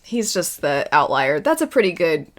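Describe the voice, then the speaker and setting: Against background noise, a woman with a low, very animated voice talks at normal speed while hosting a casual video chat. She plays a pick-one game about video game characters, thinking aloud in a wavering, self-deprecating manner.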